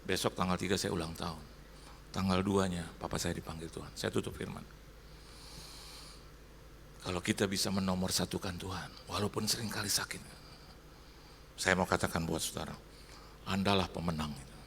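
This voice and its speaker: A male pastor gives an Easter sermon in church, animated and theatrical as he tells a personal story. His voice is low and gravelly, with a bright, forceful edge. A faint hiss sits behind him. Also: moderate pace, long pauses. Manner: animated storyteller who acts out dialogue. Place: church service.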